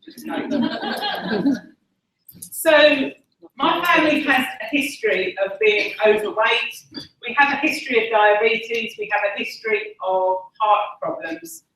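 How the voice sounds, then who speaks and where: A woman from Essex, England, speaking with an Essex accent, gives a candid personal testimony at a conference podium in a large conference room. Her medium-pitched voice is bright and forceful, and she's earnest and self-deprecating with frequent ums. The recording catches an echoey hall from far off.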